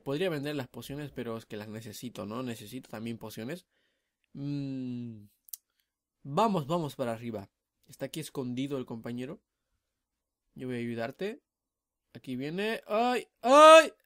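A young man talks through his match in casual, excitable gameplay commentary, tossing in constant little questions to the viewer. His voice sits at an ordinary middle pitch. The sound is dry and close to the mic. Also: no echo. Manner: chatty, excitable, many tag questions.

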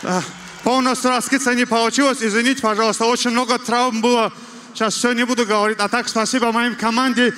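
A man's voice: extremely high pitch, flat delivery, quick pace, pushed and bright. A man, a professional fighter, speaking in short plain sentences in a post-fight interview.

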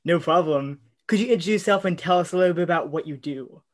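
A young man hosting an interview over a video call, friendly and slightly halting, speaking through a headset from a small room. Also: on the high side. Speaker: host. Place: small room with purple lighting.

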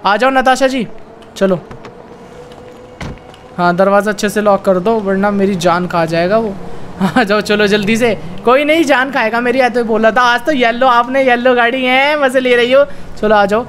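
A man's voice: high voice, normal speed, a bit bright, a little hiss or hum. A man hosting a gaming channel, giving chatty gameplay commentary and constantly calling his viewers friends and brothers as he playfully narrates his character's romance.

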